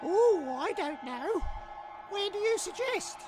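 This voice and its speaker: A woman voicing a gentle, agreeable wife on an outing with her husband. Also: very high-pitched, expressive, takes it slowly, over music, full character voice. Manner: soft, agreeable.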